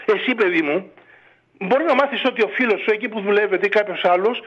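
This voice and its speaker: A man's voice: high voice, a bit bright, husky. A man, a monk, speaking in a radio interview in a fatherly, exhorting way, full of rhetorical questions, heard over dull lo-fi radio audio. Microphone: radio studio or phone line.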